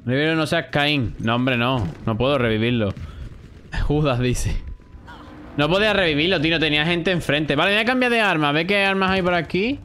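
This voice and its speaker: Swearing Spanish gamer, slightly high voice. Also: male voice, fast talker, hardly any pauses, bright, forceful tone, a little hiss or hum. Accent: Spanish (Spain). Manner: chatty, swears freely, talks to himself and chat. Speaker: gaming streamer. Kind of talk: casual live gameplay commentary.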